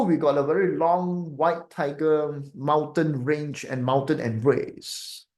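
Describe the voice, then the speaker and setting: The sound is reverberant as a Malaysian man, a feng shui teacher, chats casually with viewers during a live stream. He has a slightly high, slightly mellow voice and a Malaysian English accent, rambling with many fillers and tag questions.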